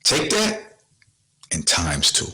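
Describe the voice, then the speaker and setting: A man's voice: low-pitched, huge pitch swings, slow, bright, forceful tone, slightly rough, rough recording. A man hosting a podcast, talking casually and bluntly to his viewers, full of rhetorical questions and slang. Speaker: podcast host.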